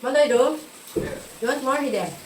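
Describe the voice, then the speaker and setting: Her voice sits high and a little mellow, somewhat slow, as a feverish Filipina woman chats in a casual home vlog, coaxing her cat with playful baby-talk and lots of giggles. The rough recording carries slight background noise.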